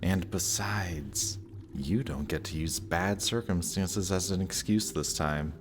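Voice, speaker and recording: In a romantic audio roleplay, a man plays the smug, lovestruck young son of a death god, talking casually and teasingly to the listener. His voice sits low and moves slowly, with background noise present.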